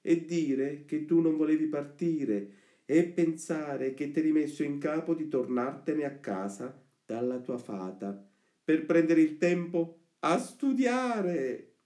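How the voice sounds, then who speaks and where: A man's voice: a little high, expressive, takes it slowly, dark tone, pitched above the performer's own voice. A man voicing a scheming boy who boasts insistently and presses his friend to agree. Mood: boastful. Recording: roomy echoey recording.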